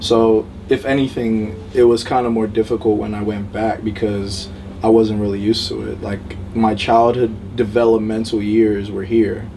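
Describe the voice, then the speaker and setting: Young male rapper from Cameroon, low voice, relaxed rambling, distant mic, faint noise. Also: moderate pace, creaky. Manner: relaxed, rambling, many fillers. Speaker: rapper guest. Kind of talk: casual interview.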